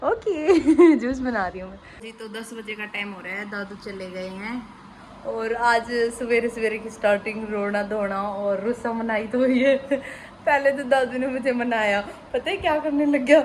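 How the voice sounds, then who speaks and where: Speaking at a moderate pace in a fairly high, fairly even voice, this young Haryanvi-accented family vlogger tells emotional stories sprinkled with teasing asides. She's in her home kitchen for a casual vlog. It was captured on a noisy home phone.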